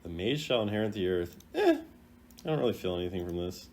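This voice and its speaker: Rating voice lines from a game, this host rambles through playful, opinionated, improvised commentary. He talks fast in a deep, sing-song, slightly mellow voice, with slight background noise.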